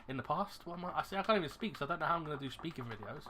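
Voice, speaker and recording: Very fast, pushed and bright, this fairly high male voice has lively intonation but is otherwise unremarkable, with slight background noise. A YouTuber reviewing ration packs, he rambles through a casual unscripted vlog, self-deprecating and often restarting as he thinks aloud.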